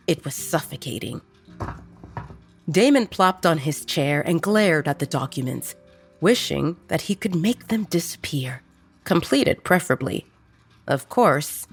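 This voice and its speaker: Low-voiced woman narrating an audiobook. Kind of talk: scripted romance narration.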